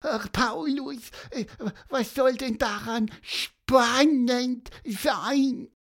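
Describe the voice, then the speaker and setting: A woman's voice: sits high, extremely slow, full character voice. A woman voicing a sick, curious young male bird with a stuffy nose in a children's story, asking skeptical questions. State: stuffy-nosed, sneezing.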